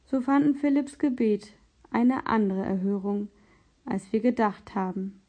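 Warm-toned woman narrating a story. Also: medium pitch, a little slow, lo-fi sound.

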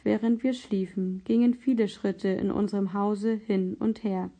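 Warm-toned woman narrating a story. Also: on the high side.

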